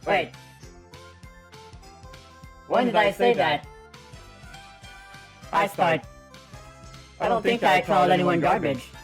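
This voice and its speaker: A high-pitched man chatters through a live game stream, quick to yelp and joke at what happens on screen. He sounds drowsy yet keeps bursting into loud, excitable reactions over faint background music. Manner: excitable, jokey, loud outbursts. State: sleepy. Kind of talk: live gaming commentary.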